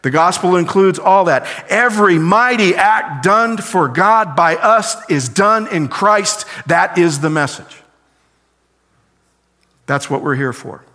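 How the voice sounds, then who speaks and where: Bright-voiced preacher in a reverberant hall. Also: male voice, sits high, lively intonation, slow pace. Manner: asks questions and answers them himself. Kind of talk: sermon.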